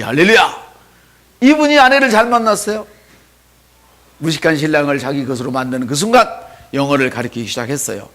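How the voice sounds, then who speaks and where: A pastor delivers a sermon in church, his voice on the high side, sinking to soft asides and climbing to loud calls as he leads the congregation in spoken responses.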